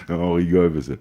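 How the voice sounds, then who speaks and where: A man's voice: low voice, mellow. A man in a rambling comic monologue, telling crude jokes in a confiding way as he records a video message to his daughter. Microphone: handheld camera close up.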